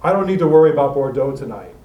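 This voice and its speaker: A man's voice: medium pitch, lively intonation, mellow. Rambling man telling a recovery story. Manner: rambling, halting, many fillers and restarts. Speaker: recovery meeting speaker. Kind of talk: personal recovery story told to a group. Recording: roomy, distant mic with faint hiss.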